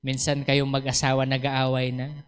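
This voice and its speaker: A man with a Filipino accent preaching a sermon as a pastor, animated and acting out quoted dialogue, chuckling between points. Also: medium pitch, normal speed, clean tone.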